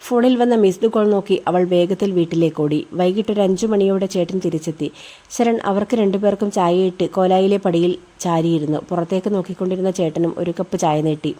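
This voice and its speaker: A woman narrating a novel in a steady, measured storytelling manner. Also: fairly low pitch. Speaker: audiobook narrator. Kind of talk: novel reading.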